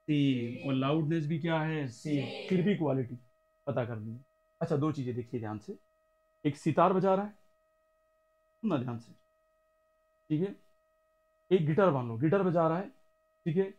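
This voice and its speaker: A man's voice: on the high side, normal speed, long pauses, a little mellow. A man with an Indian accent teaching a classroom revision lesson, playfully quizzing and teasing his students as he goes.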